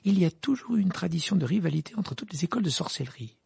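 A man doing a brisk know-it-all schoolgirl. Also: high-pitched, expressive, vocal fry, darkish tone, breathy edge, dry recording, clean studio sound, pitched above the performer's own voice, full character voice. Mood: lecturing. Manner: brisk, lecturing, a little disdainful.

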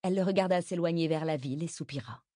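A woman reading a novel aloud as narrator, in an even, measured manner. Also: low-pitched, no room sound, clean studio sound. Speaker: audiobook narrator. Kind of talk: scripted narration.

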